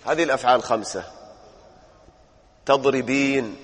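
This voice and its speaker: A man's voice: medium pitch, fairly even intonation, moderate pace, breathy edge, big-room sound. A male grammar teacher, drilling verb forms and quizzing his students in a classroom lesson.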